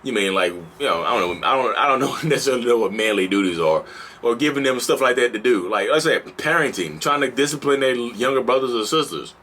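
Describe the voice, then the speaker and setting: A man's voice: mid-range voice, lively intonation, fast talker, bright, forceful tone. A man in his thirties hosting a vlog, talking casually and building into passionate, repeated rhetorical questions. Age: 30s. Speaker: host.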